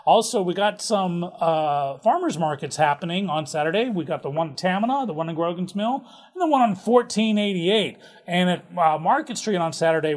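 Chatty man reading local listings. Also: a little high. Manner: chatty, jokey, with asides. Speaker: local events host. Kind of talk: casual community calendar rundown.

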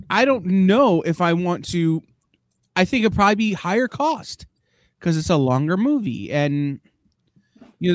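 A man hosts a relaxed chat show, slipping in dry jokes at his own expense. His voice sits a little high for a man. The recording is close and dry. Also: no room sound. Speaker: podcast host. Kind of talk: casual chat.

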